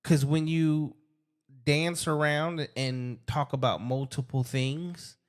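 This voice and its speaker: A man hosting a casual call conversation, talking in an emphatic way, repeating himself and slowing down to stress his points. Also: on the high side, steady tone. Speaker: host.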